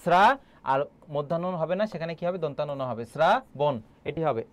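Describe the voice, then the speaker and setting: A man's voice: a little high, brisk. A young man teaching an online exam-prep class, quizzing students and repeating key answers, with frequent filler sounds.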